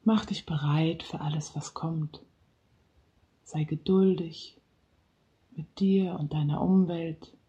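A relaxation guide speaking softly and slowly, sometimes dropping into a whisper, leading a guided relaxation. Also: mid-range voice, fairly even intonation, lo-fi sound. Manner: slow, soft-spoken, partly whispered.

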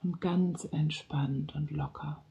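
A relaxation guide speaking softly and slowly, sometimes dropping into a whisper, leading a guided relaxation. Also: medium pitch, fairly even intonation, gravelly. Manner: slow, soft-spoken, partly whispered.

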